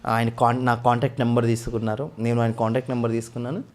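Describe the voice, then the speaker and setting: Male mimicry artist as interview guest; quick, animated storytelling at mid pitch. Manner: rapid, eager, animated storytelling. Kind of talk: casual interview talk.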